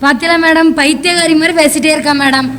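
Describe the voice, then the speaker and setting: A woman's voice: high voice, steady tone, quick pace, a bit bright, a little hiss or hum. A woman playing a complaining mother who pleads with a counselor about her daughter. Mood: exasperated. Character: nagging complaining mother of a teen girl. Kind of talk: college stage skit.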